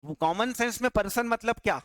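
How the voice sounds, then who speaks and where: Lively Indian man lecturing students. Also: sits high, fairly quick, smooth, no room sound, clean studio sound. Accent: Indian English. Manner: quizzing students, answering his own questions. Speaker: tax lecturer. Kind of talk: classroom lecture.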